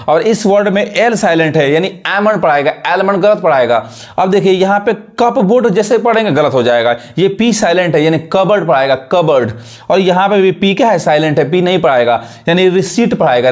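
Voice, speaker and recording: High-voiced man teaching English. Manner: repeats words and asks rhetorical questions. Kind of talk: explanatory teaching.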